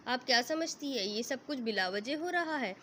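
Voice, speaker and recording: A woman's voice: high voice, animated, bright, forceful tone, slight background noise. A woman voicing a distraught young husband who sobs and threatens. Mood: sobbing. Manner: sobbing, threatening.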